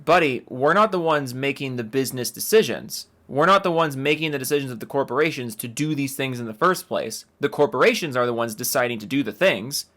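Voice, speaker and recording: A man's voice: mid-range voice, a little fast, few pauses, fairly bright tone. A man giving casual reaction commentary, talking in a sarcastic, mocking, exasperated way and swearing freely. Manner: profane, exasperated.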